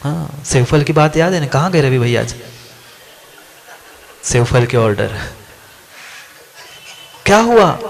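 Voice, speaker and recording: High-pitched guy preaching, tells a story, keeps asking the crowd stuff. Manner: animated, asks the listeners questions. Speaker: Jain monk preacher. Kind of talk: storytelling sermon.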